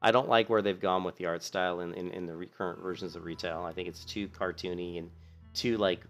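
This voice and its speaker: A man's voice: sits low, fairly even intonation, fairly quick, fairly bright tone, faint music behind. A man giving casual, rambling game commentary as a streamer, blunt and grumbling, often fumbling for words and restarting his phrases.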